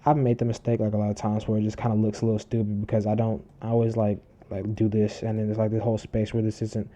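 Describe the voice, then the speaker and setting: A man's voice: on the low side, completely flat delivery, fast talker, dark tone. A man casually talking through a screen-recorded tutorial, rambling with many fillers and restarts, breathing close into his desk microphone. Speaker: tutorial host. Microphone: desk mic close to mouth, heavy breathing.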